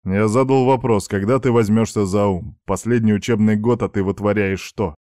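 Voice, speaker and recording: A man's voice: fairly low pitch, moderate pace, dark tone, no echo, clean studio sound, lightly acted. A man voicing a stern middle-aged father lecturing his teenage son in a firm, reproachful way.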